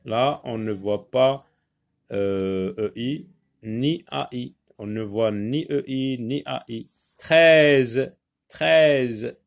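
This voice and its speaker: Very slow, hesitant male teacher. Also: mid-range voice, gravelly, dark tone. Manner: slow, deliberate, spells out letters and sounds; hesitant, many filler pauses. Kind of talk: phonics lesson.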